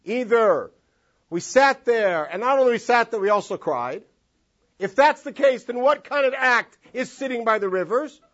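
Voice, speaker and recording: A man's voice: extremely high pitch, moderate pace. A man teaching a classroom text study, drawing out phrases in long sung tones. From Los Angeles. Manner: animated, sings out phrases in long drawn tones. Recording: dull lo-fi classroom recording.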